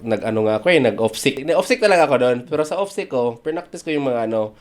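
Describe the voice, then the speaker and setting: A man's voice: mid-range voice, fast. A man with a Filipino accent, a nurse and podcast guest, telling a story in casual Tagalog-English chat. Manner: animated, mixes Tagalog and English, laughs while telling.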